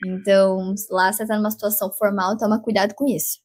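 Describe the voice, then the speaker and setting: A young Brazilian woman with a Brazilian Portuguese accent, chatting casually through advice in a vlog, animated and full of fillers. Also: mid-range voice, fast talker. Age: young adult. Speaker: vlogger giving job interview advice.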